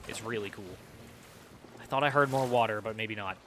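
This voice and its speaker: A young man streaming a video game, excitably talking to himself as he plays. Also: fairly low pitch, fairly quick, a little hiss or hum. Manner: excitable, talks to himself while playing. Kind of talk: live gameplay commentary.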